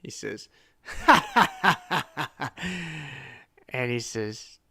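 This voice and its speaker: Man, game master narrating, halting with fillers, crisp tone, slow. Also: mid-range voice, bright, forceful tone. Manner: halting, many fillers and restarts.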